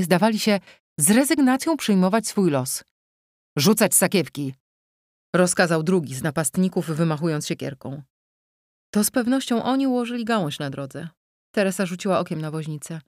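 A woman reads a novel aloud with a low, steady voice and a measured storytelling pace. The sound is close-miked and dry, with no room echo. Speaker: audiobook narrator. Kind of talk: scripted narration.

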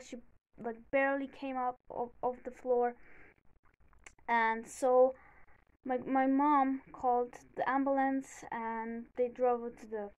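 A woman's voice: sits high, a little mellow, clean tone, low-quality recording. A teenage girl vlogger telling a personal story in a casual, rambling way, full of "like" and "you know".

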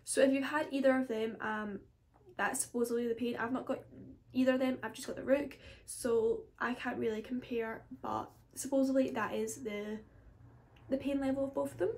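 Chatty high-voiced woman. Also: steady tone, normal speed, darkish tone. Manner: chatty and rambling, with frequent asides. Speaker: beauty vlogger. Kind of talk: casual chat to camera.

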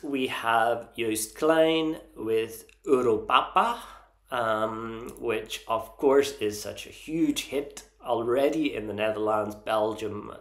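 A man vlogging casually about songs he likes, earnest and enthusiastic, often pausing with ums and restarting his sentences. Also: lowish voice, vocal fry, a bit bright, reverberant. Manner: hesitant, frequent ums and restarts. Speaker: Eurovision vlogger ranking songs. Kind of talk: casual opinion vlog.

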